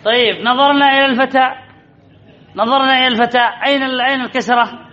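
Guy teaching grammar to a class, really high bright voice, keeps repeating stuff and asking questions, kinda dull lo-fi sound. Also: steady tone. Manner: repetitive, quizzing the class with drawn-out words. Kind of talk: classroom lesson.

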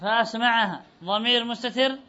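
A man's voice: extremely high pitch, a little fast, sharp tone. A man teaching a grammar lesson, quizzing students and repeating their answers back to them. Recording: dull lo-fi recording.

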